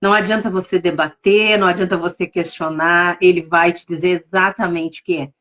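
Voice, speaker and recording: A Brazilian woman, a tarot reader, telling her story with deep emotion in a live interview over a video call. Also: fairly even intonation, fairly quick, fairly bright tone, highs cut off. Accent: Brazilian Portuguese. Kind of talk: casual testimony in a live interview.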